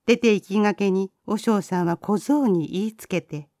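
A woman reading a children's folk tale aloud, gentle and expressive. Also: mid-range voice, moderate pace, no echo, clean studio sound. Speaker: storyteller.

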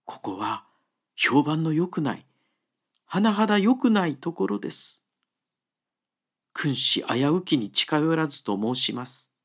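A man's voice: on the high side, sing-song, measured pace, long pauses, a bit bright, voice pushed up, full character voice. A man doing an anxious, pleading woodcutter. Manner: polite, urgent pleading. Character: anxious earnest male woodcutter, humble and pleading.

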